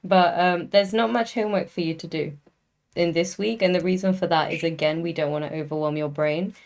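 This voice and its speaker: A woman's voice: on the low side, steady tone, fairly quick, gravelly, darkish tone. A woman coaching a trader over a video call, direct and encouraging, laughing easily. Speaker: trading psychology coach.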